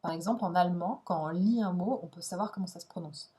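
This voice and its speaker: A woman giving an instructional video lesson as an English teacher, speaking clearly and stressing key words in an encouraging way. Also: lowish voice, quick pace, warm tone.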